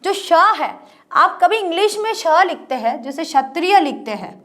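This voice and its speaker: A woman teacher who explains step by step, repeats letters slowly and asks her pupils questions. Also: extremely high pitch, big pitch swings, bright, forceful tone. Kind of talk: online class lesson.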